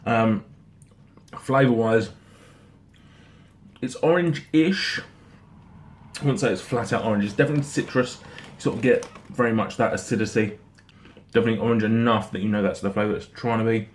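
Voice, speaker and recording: A man giving a casual snack review in a halting, rambling way, often repeating himself. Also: fairly low pitch. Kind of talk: casual product review chat. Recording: noticeable background noise.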